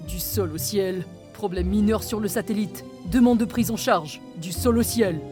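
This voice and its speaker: A woman voicing side characters in an animated diary story. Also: mid-range voice, moderate pace, natural voice. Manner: plays various side characters. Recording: music clearly behind the voice.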